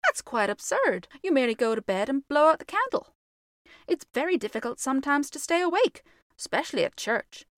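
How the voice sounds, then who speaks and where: A woman's voice: high voice, big pitch swings, dry recording, studio quality, voice pushed up. Woman putting on a pert, spirited young girl. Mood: lively. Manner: bright, quick and pert.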